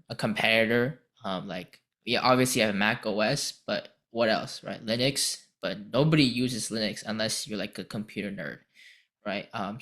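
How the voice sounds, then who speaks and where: A man's voice: mid-range voice, a bit bright. A teenage boy co-hosting a podcast, chatting casually and explaining his point through long everyday analogies, often tagging on "right?" and "you know". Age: teens. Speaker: podcast co-host. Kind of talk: casual discussion.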